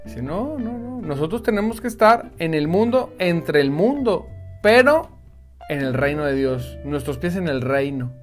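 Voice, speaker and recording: A Bible teacher, giving devotional teaching in an animated, conversational and emphatic way. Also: medium pitch, a little slow, faint music behind.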